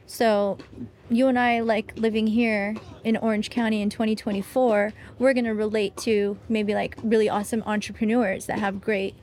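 A woman talking as a guest in a casual conversation, animated and chatty with lots of fillers. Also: mid-range voice, normal speed, slight background noise. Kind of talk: casual conversation about faith.

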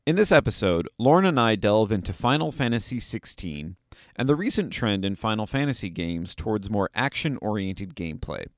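A man co-hosting a podcast in casual chat, animated and often laughing. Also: on the low side, normal speed, no echo, studio quality. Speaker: podcast co-host.

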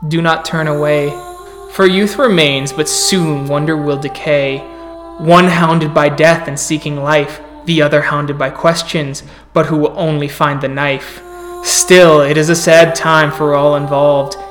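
A man's voice: fairly high pitch, fairly even intonation, a little slow, fairly bright tone, soft background music. A man voicing a cryptic spirit in a tabletop game, giving portentous rhymed prophecy in a grave manner. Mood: grave warning. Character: cryptic prophesying spirit warning young wolves of doom. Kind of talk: tabletop role-play character acting.

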